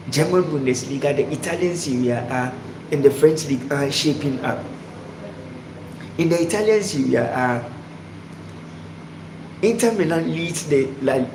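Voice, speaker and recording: A man from Ghana hosting a casual sports live stream, greeting viewers by name and asking them questions. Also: a little high. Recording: echoey room with loud background noise.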